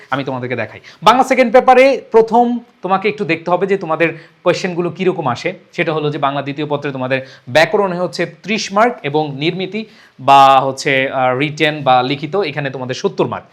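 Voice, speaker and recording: A young male teacher giving an exam-prep lesson in a high voice. He talks emphatically, repeating key points over and over and dropping English words into his sentences. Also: fast. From Bangladesh.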